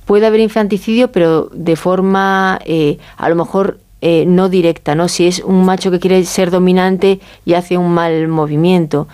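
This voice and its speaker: An expert guest from Galicia with a Spanish accent from Spain explains informally in a smooth, dark, fairly low voice. Her intonation is fairly even and her pace a little slow with hardly any pauses, and she often checks in with little tag questions to seek agreement.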